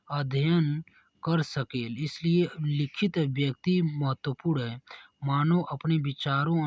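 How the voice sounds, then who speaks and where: A man who teaches, reading exam answers aloud in a steady dictation-like way and correcting himself now and then. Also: a little high, no echo.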